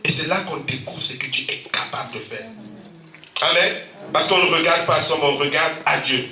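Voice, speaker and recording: A pastor with a Central African French accent preaches a sermon in a church hall, his throat sore and stuffy, repeatedly calling out amen and alleluia. His voice is bright and fairly high for a man, at normal speed. He's picked up from some distance in the roomy church, with slight background noise.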